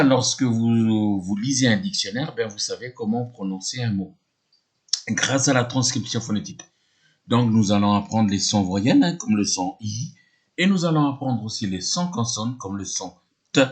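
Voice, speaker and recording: A man gives a slow, patient lesson in a somewhat low voice. He hesitates often, repeats himself and spells words letter by letter as he explains each sound. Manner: often hesitates with drawn-out fillers. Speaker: English teacher.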